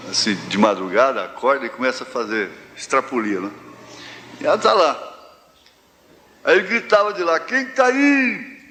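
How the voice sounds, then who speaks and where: A Brazilian pastor preaching a live sermon, telling homespun stories with slow, drawn-out phrases. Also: male voice, medium pitch, sharp tone, a little hiss or hum. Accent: Brazilian Portuguese, central-west. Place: large church hall. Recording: live church hall reverb, faint ambience.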